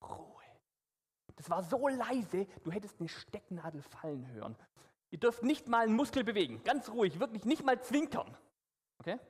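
A man's voice: sits high, sing-song, normal speed, breathy edge, long reverb tail. A man leading a church service as pastor, upbeat and coaxing as he talks the congregation through an interactive story. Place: church hall with stage.

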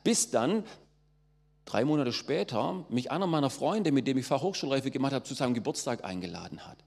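A man's voice: mid-range voice, expressive, a little fast, creaky, a little mellow. A middle-aged man from southwest Germany giving a personal testimony, storytelling with fillers and acting out quoted voices. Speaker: testimony speaker. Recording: long hall reverb.

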